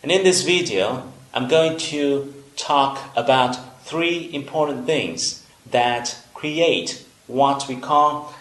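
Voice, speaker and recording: A native Vietnamese speaker from Vietnam teaches an English lesson in an instructional video, speaking with a Vietnamese accent in a deliberate, explanatory way with pauses between phrases. His voice is mid-range and a bit bright, and the room sounds roomy and echoing.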